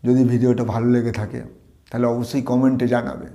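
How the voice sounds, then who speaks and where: A man teaching English pronunciation, repeating words slowly and carefully as he explains. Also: mid-range voice, flat delivery, warm tone. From Bengal. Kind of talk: teaching lesson.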